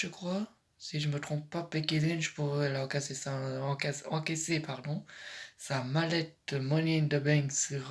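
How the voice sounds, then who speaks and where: A man's voice: mid-range voice, fairly bright tone. Hesitant French man vlogging. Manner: hesitant, often corrects himself mid-sentence. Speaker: YouTuber giving predictions. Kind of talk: casual commentary vlog.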